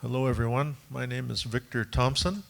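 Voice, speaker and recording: Gravelly-voiced man introducing himself on a panel. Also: mid-range voice, steady tone, fairly quick, fairly bright tone. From Long Beach, California. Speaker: education director.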